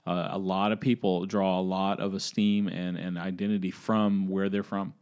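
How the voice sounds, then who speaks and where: Low-pitched and slightly dark, this Southern American man speaks at a moderate pace with a level tone. He co-hosts a casual podcast about the Bible, chatting conversationally and often repeating words as he starts his sentences over.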